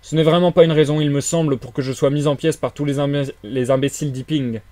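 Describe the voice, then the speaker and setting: A man's voice: a little high, steady tone, quick pace, close to an everyday voice. Man doing a testy, exasperated invisible man. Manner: sharp, exasperated. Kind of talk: audiobook character reading.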